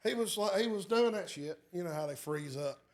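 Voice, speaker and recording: Southern guy cracking dry jokes, voice a bit on the high side. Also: lively intonation, fairly quick. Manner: dry, wisecracking. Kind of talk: casual chat.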